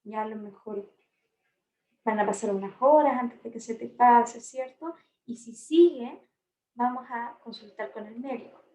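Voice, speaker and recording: A woman giving a class lecture in a steady, reassuring way, often checking in with her listeners. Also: fairly high pitch, a little slow. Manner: steady and reassuring, constantly checking in with tag questions. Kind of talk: recorded online class lecture. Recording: echoey room.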